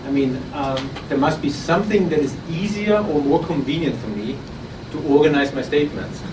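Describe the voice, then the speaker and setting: A man with an Austrian German accent pitches his startup live in a conference room at an innovation event, chatty and loose at a normal speed, often restarting and repeating words. He sounds distant from the mic in a roomy, echoing space. A steady hiss of air and room noise from the audience recording runs beneath him.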